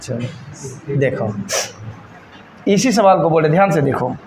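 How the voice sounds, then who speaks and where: Slight background noise surrounds this male coaching-class teacher, who prepares students for government exams by teaching math live. His voice is a little high, a little mellow and animated; he keeps quizzing, scolding and teasing the class while slowing to spell out every step.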